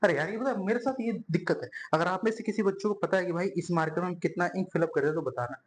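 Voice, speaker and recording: A man's voice: high-pitched, racing. A young man teaches a math lesson at a whiteboard. He is chatty and casual, calls his students bhai and yaar, and repeats words as he draws. A faint hiss of room noise sits behind his voice.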